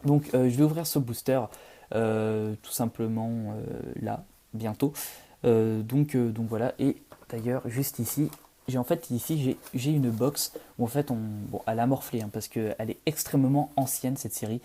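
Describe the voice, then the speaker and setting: A young man with a dark, mellow voice talks casually to his viewers while opening a card pack. He speaks haltingly, stopping and restarting often and padding his sentences with fillers. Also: medium pitch. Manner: hesitant, halting, full of fillers. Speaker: card collector vlogger. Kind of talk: casual unboxing chat.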